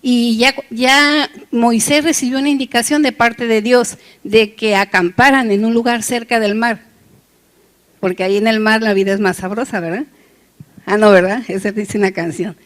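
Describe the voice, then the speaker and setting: Casting: woman lay preacher, higher voice, chatty sermon that keeps checking in with the room. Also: fairly even intonation, moderate pace. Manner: engages the congregation with constant "right?" and "yes?" check-ins; conversational and joking between scripture points.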